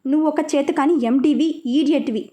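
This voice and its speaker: A woman's voice: high voice, moderate pace, dark tone, lightly acted. A woman voicing an angry young office worker who scolds and insults her boss.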